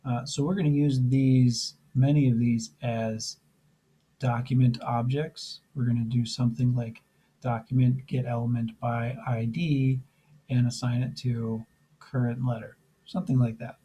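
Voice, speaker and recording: A man who is losing his voice, teaching a programming lesson step by step in a relaxed way with frequent fillers. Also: mid-range voice, a little slow, breathy edge, rough recording. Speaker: programming instructor. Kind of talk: screen-recorded coding tutorial.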